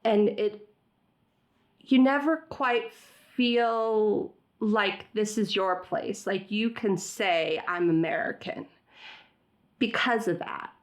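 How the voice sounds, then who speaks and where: A middle-aged woman, a native Farsi speaker, is a guest in a conversational interview, speaking reflectively and slowly with many fillers and restarts. Her voice is medium in pitch.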